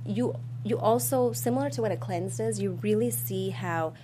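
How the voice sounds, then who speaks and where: A woman from Sri Lanka, a guest on a talk show, explaining her fitness routine and skincare products in an earnest, measured way. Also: medium pitch, background noise. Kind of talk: casual talk-show chat.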